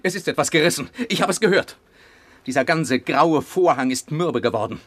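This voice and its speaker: A man's voice: fairly high pitch, animated, brisk, a bit bright, no echo. An earnest young man. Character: young man, timid then visionary. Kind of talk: 1960s radio play acting.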